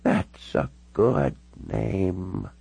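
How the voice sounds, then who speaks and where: A man voicing a frail, confused 96-year-old Canadian woman in an audiobook, speaking in a slow, wandering, quavering way. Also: low voice, animated, gravelly, dark tone, breathy edge, dry recording, full character voice. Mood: confused, gentle. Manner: drawn-out, wandering speech. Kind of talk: audiobook character voice.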